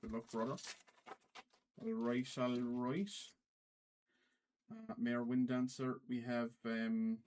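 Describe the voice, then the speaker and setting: A man runs a trading card livestream using a fake Irish accent, casually announcing cards in a halting manner and repeating himself a lot. His voice is medium-pitched and slightly mellow.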